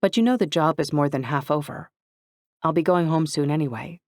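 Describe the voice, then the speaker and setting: Male reader doing a clipped, blunt seventeen-year-old siren girl, brighter and higher, in a dry audiobook read. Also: fairly quick, no room sound, lightly acted. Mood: guarded. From Canada. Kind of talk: audiobook character voice.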